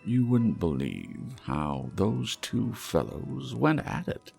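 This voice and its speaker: A man narrating a classic storybook in a measured, expressive way. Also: lowish voice, creaky, soft background music. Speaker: audiobook narrator. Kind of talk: storybook reading.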